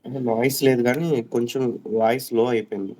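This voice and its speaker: A man's voice: mid-range voice, fairly even intonation, brisk, warm tone. A man on a call, briefly reporting how the audio sounds. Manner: brief, matter-of-fact reporting. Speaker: online listener. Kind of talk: casual chat.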